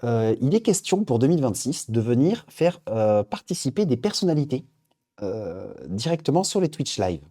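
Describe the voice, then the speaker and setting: A man's voice: medium pitch, big pitch swings, moderate pace, mellow. A man hosting a live stream, chatting casually as he reads out viewer suggestions. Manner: upbeat, chatty, thinking aloud. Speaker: livestream host.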